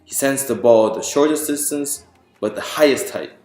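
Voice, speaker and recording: This man reads a picture book to listeners at normal speed in an expressive, mid-range, slightly mellow voice. He narrates explanatorily, posing questions and answering them. A roomy echo and background music come through.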